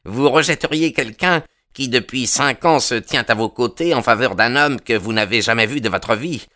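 A man's voice: mid-range voice, moderate pace, sharp tone, voice pushed up, lightly acted. A man voicing a surly, jealous male gang member in an audiobook, speaking defiantly and with hostility. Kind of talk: audiobook character reading.

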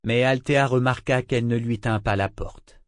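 A man narrating an audiobook in a measured, expressive reading. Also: medium pitch, no echo, studio quality. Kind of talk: scripted narration.

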